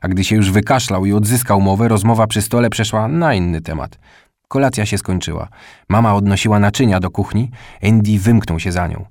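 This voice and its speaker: A man reading a children's story aloud in calm, scripted narration. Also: lowish voice, a little fast, dry recording, studio quality. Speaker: audiobook narrator.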